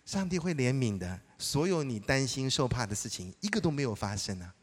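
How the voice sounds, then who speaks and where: A middle-aged male pastor delivers a sermon at a brisk pace in a medium-pitched voice. He tells personal stories with energy, acting out the dialogue and laughing often.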